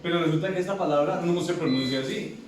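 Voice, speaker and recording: A man's voice: a little high, quick pace, recorded from a distance, crowd noise. A man teaching an English pronunciation lesson to a class, repeating himself and often checking whether the students follow. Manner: repetitive, asks students checking questions. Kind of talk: classroom lecture. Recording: very echoey classroom from afar, noisy.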